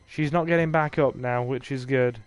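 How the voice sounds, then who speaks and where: Playing a horror game on a livestream, an English-accented man from England chats easily with his viewers as he commentates. His medium-pitched voice holds a steady tone at normal speed.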